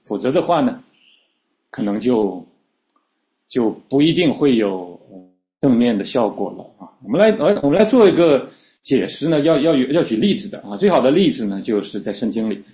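Relaxed and chatty, a male preacher gives a teaching sermon, often restarting sentences and leaning on filler words. The recording has a slightly muffled, lo-fi quality, while his voice rests at an everyday mid pitch.

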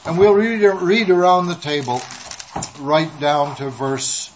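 A man leading a Bible study, speaking in measured phrases with pauses and fillers for an interpreter. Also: a little high, expressive, slight background noise, rough recording. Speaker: Bible teacher.

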